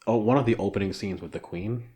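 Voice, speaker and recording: A man's voice: on the low side, quick pace, dark tone. A man co-hosting a casual podcast chat, laid-back, laughing and swearing easily. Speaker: podcast co-host.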